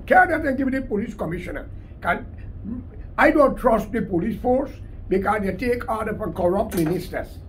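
Background room noise is clearly audible as this sixty-something political commentator with a Guyanese accent rails to camera in an emphatic, combative, unscripted monologue. His voice sits high, the audio is poor, and he's in a small cluttered room.

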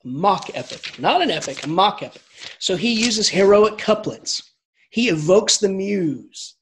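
This man gives an English lecture in a lively, casual style, frequently starting sentences over and laughing softly during asides. He speaks at a measured pace in a voice that sits high.

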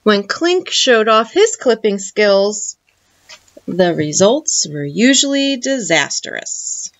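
Slow, expressive woman reading a picture book. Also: mid-range voice. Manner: expressive, lively read-aloud. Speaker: library storytime reader. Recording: muffled lo-fi audio.

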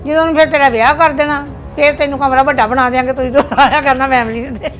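Casting: a woman as a placating middle-aged mum, high voice, quick delivery, faint music behind. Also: fairly even intonation, natural voice. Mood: coaxing. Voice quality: coaxing, placating. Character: soothing middle-aged mother. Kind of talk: short film acting. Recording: acted scene with faint music.

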